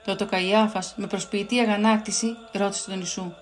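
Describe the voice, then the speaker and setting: A woman reading a Bible story aloud for children in a clear, expressive storytelling voice. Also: medium pitch, soft background music.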